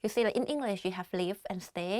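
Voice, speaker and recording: In a relaxed lesson, a Thai woman with a Thai accent teaches beginner phrases, chatting, laughing and saying "like" a lot as a language teacher. She speaks fast in a mid-range, darkish voice, recorded dry with clean studio sound.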